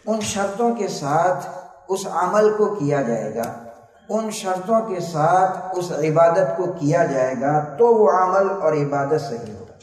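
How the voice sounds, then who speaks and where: A man's voice: high voice, expressive, a little mellow. A man giving a methodical religious lecture, listing conditions one by one and quoting Arabic terms. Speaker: Islamic preacher. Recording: echoey hall, voice from far off.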